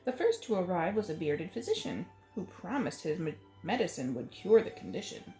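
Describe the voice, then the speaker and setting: A woman with a lowish, warm voice reads a rhyming picture book aloud to children at a moderate pace, giving it a dramatic, sing-song delivery. She's a children's story reader, and the room is echoey with faint music in the background.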